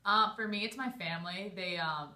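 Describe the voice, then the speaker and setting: A woman's voice: mid-range voice, moderate pace, sharp tone. A young adult woman giving casual interview answers as a student athlete. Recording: echoey room.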